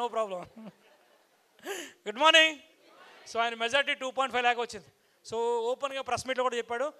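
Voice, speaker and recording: High-pitched, rousing male motivational speaker. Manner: rousing, fires rhetorical questions and pushes the crowd to shout back; punchy short phrases with sudden loud bursts. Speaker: motivational speaker and sales team leader. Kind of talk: motivational stage speech.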